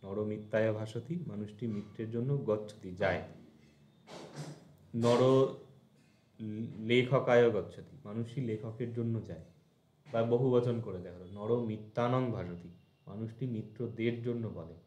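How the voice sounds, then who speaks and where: Male teacher with Bengali accent; unhurried, methodical, spells out endings; recorded in an echoey room. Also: lowish voice, a little mellow, slight background noise. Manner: slow, patient, spells out word endings syllable by syllable. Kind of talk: language lesson.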